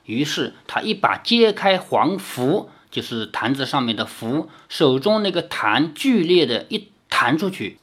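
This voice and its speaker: A lively storyteller reading a novel aloud in a mid-range voice that rises and falls a great deal. The reading is broken up by casual asides that explain the text. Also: mid-range voice. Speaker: novel reader.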